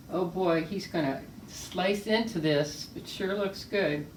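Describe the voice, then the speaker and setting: A woman's voice: fairly low pitch, slow. An older woman co-hosting a homemade cooking video, chatting casually and gushing over the food as she tastes it. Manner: gushing, savoring the food aloud. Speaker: co-host of a home cooking video. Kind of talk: casual cooking demo chat. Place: room in a retirement community home. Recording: echoey room, voice from far off, faint hiss.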